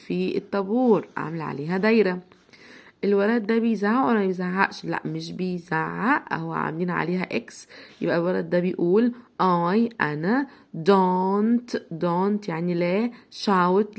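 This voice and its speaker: A woman with an Egyptian Arabic accent teaching a children's English lesson, repeating each word slowly. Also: on the low side, vocal fry. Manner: slow, drawn-out repetition of words for children.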